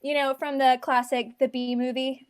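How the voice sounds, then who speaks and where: A woman's voice: high voice, level tone, moderate pace, very noisy. A woman improvising a mock-serious comic bit over a video call. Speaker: improv player.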